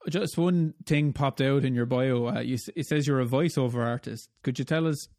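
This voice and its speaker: A man's voice: medium pitch, moderate pace, darkish tone. A man hosting a casual interview, asking friendly, chatty questions and laughing between them. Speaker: interview host.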